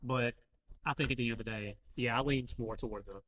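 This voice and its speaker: Podcast host, male, quick-talking, calm and level, brief answers. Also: mid-range voice, poor audio. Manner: calm, even-keeled, brief replies. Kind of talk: casual interview hosting.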